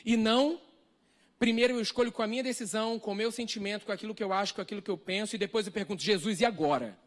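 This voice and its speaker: Brazilian guy preaching, pretty high voice, keeps asking the same questions over and over, real earnest. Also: flat delivery, rapid-fire. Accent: Brazilian Portuguese. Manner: earnest, repeats rhetorical questions. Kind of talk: sermon. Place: church hall, live stream.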